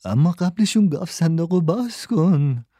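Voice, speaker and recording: A man's voice: fairly high pitch, lively intonation, dark tone, husky, dry recording, studio quality. A man voicing a sly, bossy male thief leader in a storybook, speaking sharply and commandingly. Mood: wheedling.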